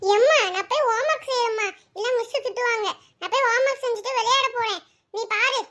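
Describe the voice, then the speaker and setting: A woman's voice: very high-pitched, fast, pushed and bright. A woman voicing a tiny, polite cartoon girl. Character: dutiful little schoolgirl, polite. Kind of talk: cartoon voice acting.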